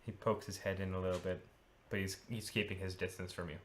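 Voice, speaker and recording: A man narrating as game master of a tabletop game, relaxed and checking rolls and rules as he goes. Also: low-pitched, fast talker.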